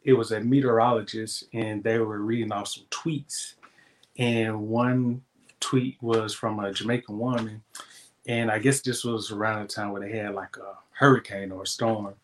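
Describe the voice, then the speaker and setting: A man's voice: lowish voice, steady tone, moderate pace. Upbeat man giving a devotional. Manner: upbeat, encouraging, loose and conversational. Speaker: devotional host. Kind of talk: casual devotional talk.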